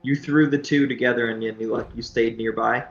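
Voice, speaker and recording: A man running a tabletop game as dungeon master, laid-back and halting, with lots of pauses and fillers. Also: medium pitch, fairly even intonation, gravelly, muffled recording. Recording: echoey room with faint music.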